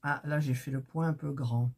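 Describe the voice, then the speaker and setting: A woman craft vlogger chats through a project in a casual video, thinking aloud and growing flustered and exasperated when things go wrong. Her voice is extremely low and darkish, with a steady tone and a moderate pace.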